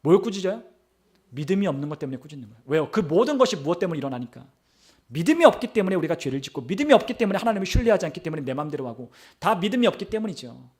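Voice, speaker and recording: A male pastor delivers a Sunday sermon in a high voice. He asks the congregation questions, answers them himself and keeps the preaching animated. He breaks into short acted lines for the people in the Bible story. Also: very fast.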